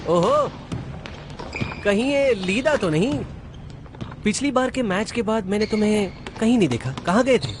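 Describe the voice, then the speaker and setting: A man's voice: sits high, lively intonation, a little slow, pauses often. A man dubbing a brash, hot-headed teenage schoolboy in a TV drama, with a confrontational delivery. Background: background music.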